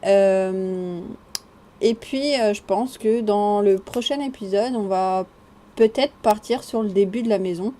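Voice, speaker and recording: A woman giving casual, chatty commentary over her own gameplay, relaxed and talking to the game characters as she goes. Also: medium pitch, a little slow. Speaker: gaming vlogger.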